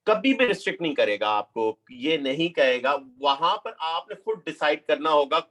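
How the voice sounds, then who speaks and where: A man, teaching a math lesson step by step, mixing in English terms and checking "clear?" with his students. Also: fairly high pitch, sing-song, moderate pace, fairly bright tone. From Pakistan. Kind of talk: classroom lecture.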